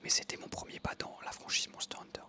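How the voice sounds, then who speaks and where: Talking fast in a soft, unvoiced whisper, this young adult ASMR creator tells a rambling story full of fillers.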